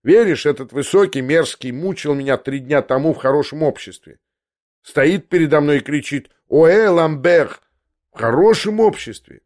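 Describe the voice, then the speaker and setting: A man's voice: on the high side, lively intonation, moderate pace, darkish tone, lightly acted. A man voicing an irritable, domineering young man who snaps and rants. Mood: ranting. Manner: irritable, snapping.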